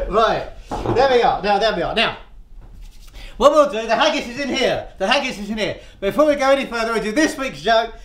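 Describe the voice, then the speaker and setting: A man's voice: sits high, big pitch swings, normal speed, long pauses, fairly bright tone. A man hosting a casual cooking demonstration, chatty and rambling and laughing often as he tells jokes. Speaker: cooking show host. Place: outdoors, windy. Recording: echoey with faint ambient noise.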